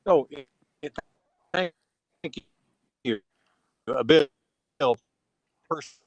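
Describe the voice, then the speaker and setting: A man's voice: fairly high pitch, no echo, muffled recording. Man on a choppy, cutting-out audio line. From Kansas, US. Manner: halting, broken into fragments. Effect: choppy, cutting-out online audio connection. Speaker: remote meeting participant. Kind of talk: formal committee meeting remarks.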